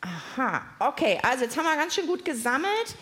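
On stage at a podcast festival, with an audience present, the host of a children's science show fires off questions in plain, playful language. Her voice is high and sing-song, a little fast and a bit bright.

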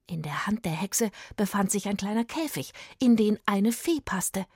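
A woman reading a children's story aloud, expressive and sometimes hushed. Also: mid-range voice, moderate pace, husky, no room sound, studio quality.

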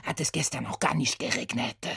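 A woman's voice: low voice, brisk, gravelly, a bit bright, husky, no echo, clean studio sound, full character voice. A woman doing a fussy French composer. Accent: French, put on. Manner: fussy, dramatic.

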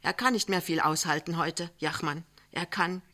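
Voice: medium pitch, fairly even intonation, normal speed, sharp tone, close to an everyday voice. A reader voicing an anxious young wife. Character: worried young wife, earnest and pleading. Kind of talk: audiobook character reading.

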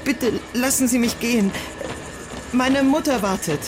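An actress playing a timid, polite child who is frightened, speaking hesitantly and pleading in a radio drama. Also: female voice, mid-range voice, expressive, slow pace. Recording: music under the voice.

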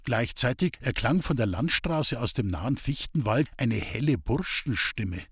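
A man reading a folk tale aloud with a lively, animated voice that rises and falls freely. His pitch is mid-range and his delivery is expressive. It is recorded close and completely dry. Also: moderate pace, breathy edge, no echo. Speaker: narrator.

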